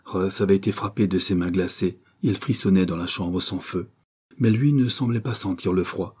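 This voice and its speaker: Guy reading a novel aloud, mellow low voice, kinda husky. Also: normal speed. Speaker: audiobook narrator. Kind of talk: measured literary narration.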